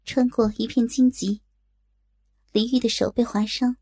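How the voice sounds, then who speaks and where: A woman narrates a martial-arts audiobook in a measured, steady storytelling manner. Her voice is somewhat high, mellow and husky with a gravelly edge, recorded close and dry with no echo.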